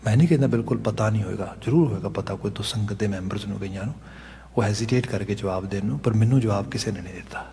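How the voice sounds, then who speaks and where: A man's voice: fairly low pitch, fast talker, warm tone, slight background noise. A man preaching to a congregation, explaining points step by step and dropping English phrases into his sermon. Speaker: Sikh preacher. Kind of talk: sermon lecture. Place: gurdwara hall. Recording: long hall reverb.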